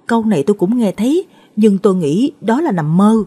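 An anxious young mother pleads with an exorcist in a spooky audio tale, voiced by a woman storyteller. Her voice is mellow and breathy, rising and falling with worry. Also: mid-range voice, expressive, brisk, pitched above the performer's own voice. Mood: worried. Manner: worried, pleading.

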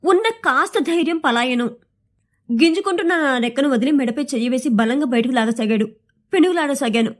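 A woman narrating a suspenseful first-person audio story, reading with expressive, tense delivery. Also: sits high, fairly quick.

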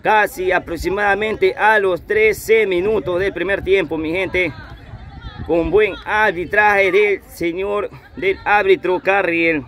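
High-pitched man commentating football. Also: steady tone, slow pace, a bit bright. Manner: repeats phrases over and over. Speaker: amateur football match commentator. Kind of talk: live play-by-play football commentary.

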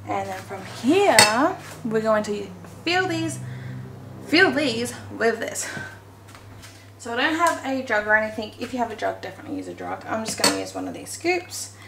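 Her voice sits on the high side and swings hugely in pitch at a moderate pace as she bakes at home. The woman, a home cooking vlogger, chats casually and corrects herself while working with her hands. The recording comes from an echoey kitchen with faint noise.

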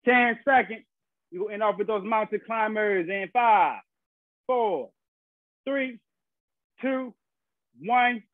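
A man's voice: high voice, slow pace, pauses often, dry recording. A young man working as a fitness instructor, coaching a live online workout class with short, encouraging cues and countdowns. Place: small carpeted room at home, indoors. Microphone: laptop or webcam mic on video call. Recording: muffled phone-like video call audio.

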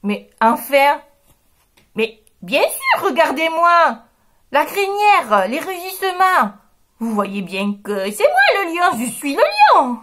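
Woman acting as pompous male lion king, loud commands, raised voice, storybook. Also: sits high, wildly swooping pitch, slow pace, exaggerated voice. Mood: indignant.

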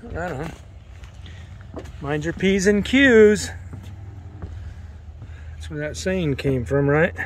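A man's voice: on the high side, expressive, slow, pauses often. A man casually narrating as he walks around an outdoor historic village, musing and easily amused. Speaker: travel vlogger. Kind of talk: casual walking commentary. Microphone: handheld camera.

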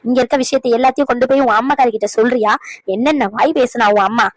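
A woman's voice: fairly high pitch, very fast, no room sound, close to an everyday voice, poor audio. A woman voicing a scornful old grandmother. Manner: scornful, sneering. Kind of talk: cartoon dub acting.

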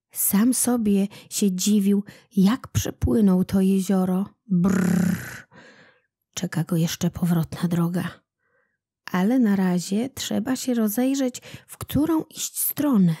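A woman narrating a children's legend aloud in a slow, deliberate storytelling manner. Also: mid-range voice, dark tone, slightly rough, no room sound, studio quality. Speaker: narrator, audiobook reader.

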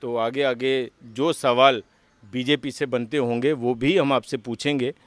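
A male news anchor from closing a political interview with formal, measured commentary. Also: medium pitch, steady tone, no echo.

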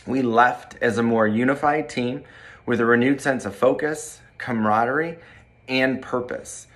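A medium-pitched man in his forties, a corporate training director, reads a measured, polished testimonial to camera. He's in a bright room beside large windows.

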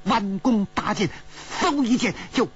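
A man's voice: high-pitched, measured pace, breathy edge, muffled recording, voice pushed up, heavily acted. A man voicing an earnest male swordsman who eagerly recounts what he saw, in a storytelling audiobook. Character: earnest male thief-hero reporting his scouting.

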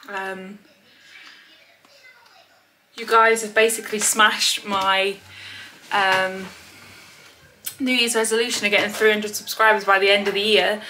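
A woman's voice: medium pitch, sharp tone, poor audio. A British woman chatting casually to camera as a haul vlogger, slightly out of breath, rambling with lots of ums. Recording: clear background noise with clicks.

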